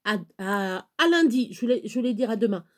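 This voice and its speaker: A woman's voice: mid-range voice, steady tone, brisk, darkish tone, slight background noise. A woman from Touraine with a Touraine accent, chatting to camera on her own channel in a rambling way, with many fillers and restarts. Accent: Touraine French. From Touraine, France. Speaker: YouTuber. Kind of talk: casual chat to camera.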